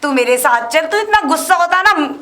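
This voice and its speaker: A woman's voice: sits high, lively intonation, brisk, sharp tone. A woman playing a doting, scheming mother. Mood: coaxing. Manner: coaxing, conspiratorial. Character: doting scheming mother, spiteful toward daughter-in-law. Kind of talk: amateur web drama acting.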